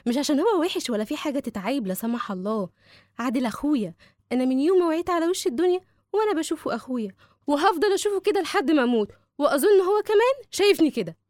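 A woman's voice: high-pitched, lively intonation, very fast, darkish tone, dry recording, clean studio sound. A woman with an Egyptian accent playing a strong-willed teenage schoolgirl in a drama, firm, sassy and emphatic. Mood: fed-up, firm. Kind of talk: dramatic dialogue.

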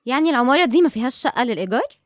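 A woman's voice: high-pitched, animated, racing, dry recording, clean studio sound. An actress playing a determined, persuasive woman doctor in a radio drama, with an Egyptian accent and an assertive manner. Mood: coaxing. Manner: assertive, coaxing. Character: determined, persuasive female doctor investigating a mystery.

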